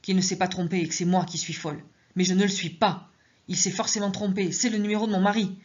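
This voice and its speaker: A woman author reading her own story aloud in the first person, with measured, tense narration. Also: medium pitch, steady tone, slightly rough, muffled recording.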